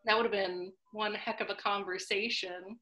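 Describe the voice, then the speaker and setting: A woman's voice: mid-range voice, steady tone, normal speed, sharp tone, reverberant. A woman hosting a live online cooking class on a video call, chatty and upbeat with lots of fillers. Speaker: host.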